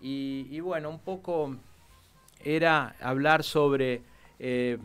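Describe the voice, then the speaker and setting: A historian speaks on a radio interview with a smooth, clear voice at a middle pitch. He tells stories with lively energy and often restarts his sentences. He sounds like a guest explaining history in a studio conversation. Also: slow. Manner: animated storytelling, many restarts.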